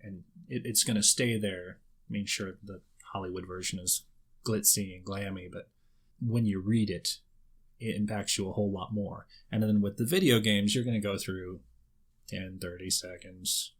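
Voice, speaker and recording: A man in his thirties with a lowish, husky voice talks casually as a guest. He rambles and often restarts his sentences. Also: fairly even intonation, normal speed. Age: 30s. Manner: rambling, repeats words when starting sentences. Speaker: guest writer. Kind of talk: casual conversation.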